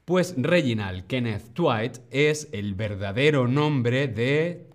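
A man teaching pronunciation in a live stream, slow and patient, repeating words for viewers to echo and reassuring them by name. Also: mid-range voice, expressive.

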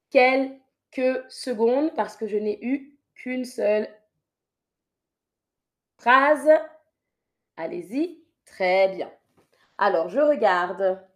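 Her voice on the high side, a woman runs a French lesson over a live stream, going through viewers' sentences and gently correcting each. She frequently repeats what she wants them to do.

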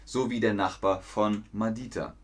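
A man teaching German on a live stream, telling a simple story clearly for learners, asking viewers questions and reading out the chat. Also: lowish voice, steady tone, moderate pace.

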